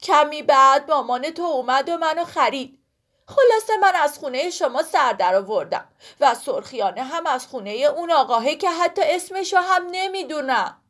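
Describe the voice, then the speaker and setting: A woman's voice: high-pitched, expressive, fairly bright tone, pitched above the performer's own voice. A woman voicing a chatty, boastful talking pomegranate girl in a children's story, talking nonstop with lots of exclaiming. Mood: upset. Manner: talkative, exclaiming, whiny.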